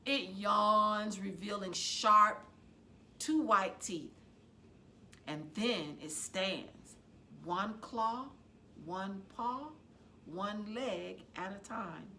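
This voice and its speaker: A woman gives an expressive, dramatic reading of a children's novel, the way a librarian would, with deliberate phrasing. Her voice is mid-range, and there's a little hiss or hum.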